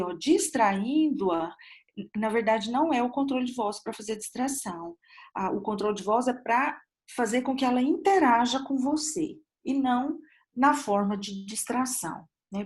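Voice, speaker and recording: A woman's voice: a little high, darkish tone. A woman teaching a dentistry class on a video call, talking through answers in a conversational way with many fillers and restarts. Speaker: dentistry lecturer. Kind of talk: online class lecture. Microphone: computer mic on a video call.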